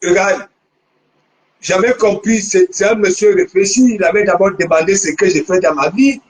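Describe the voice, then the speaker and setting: A man's voice: high-pitched, moderate pace. A man hosting a casual chat, prodding his guest and chiming in with short agreements.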